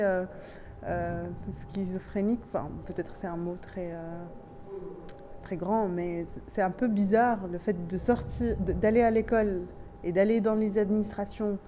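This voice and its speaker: Speaking French with a faint Tunisian accent, this woman, a native Tunisian Arabic speaker from Tunisia, answers interview questions reflectively, with many pauses and false starts. Her voice is medium-pitched and slightly nasal, set against a noisy background.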